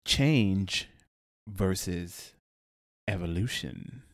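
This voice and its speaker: A man's voice: sits low, animated, extremely slow, no echo, clean studio sound. A young man co-hosting a podcast, casually thinking aloud, searching for words and quoting his own thoughts. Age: young adult. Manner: rambling, searches for words, quotes himself. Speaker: podcast co-host. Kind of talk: casual chat.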